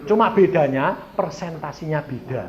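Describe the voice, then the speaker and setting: A male preacher with a Javanese accent, telling a story in a sermon and acting out the dialogue, jumping from loud, high outbursts to quiet, low asides. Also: expressive, normal speed, highs cut off. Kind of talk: sermon with acted-out anecdote.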